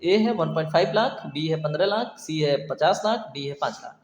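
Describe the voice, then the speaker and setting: A man teaches an exam prep lecture in a high voice. He fires off questions and answers each one himself, repeating the key points. His voice rings through a roomy hall with a long echo. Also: lively intonation, fairly quick. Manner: repetitive quizzing, asks and answers himself.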